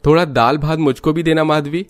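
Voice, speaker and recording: A man's voice: a little high, fairly even intonation, fairly quick, no room sound, faint music behind, lightly acted. A man voicing a poor, weary woodcutter who is a family father and speaks in a humble, pleading tone, in storybook acting. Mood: worried.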